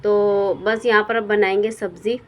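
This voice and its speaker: Chatty fast-talking woman vlogger. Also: mid-range voice, flat delivery, slight background noise. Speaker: vlogger and housewife. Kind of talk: casual home vlog narration.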